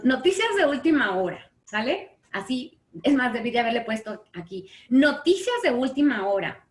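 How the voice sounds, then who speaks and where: A woman with a Mexican Spanish accent teaching an online literature class from home, checking in with her students through constant quick questions. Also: a little high. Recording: echoey room.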